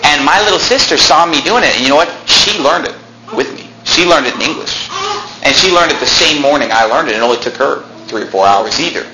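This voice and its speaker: Speaking to a congregation, a twenty-something man recounts something from his own life in an informal way, with repeated phrases and side comments to the listeners. His slightly high voice is expressive and a bit quick. There's faint noise and a roomy echo.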